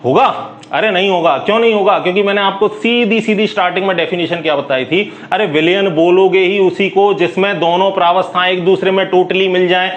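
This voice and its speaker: A brisk male chemistry teacher with a fairly high voice rattles through a lecture. He keeps asking his students short questions and answers them himself, coaxing and chatty. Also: steady tone, lo-fi sound. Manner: calls listeners "bhai", brisk and chatty. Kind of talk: classroom lecture.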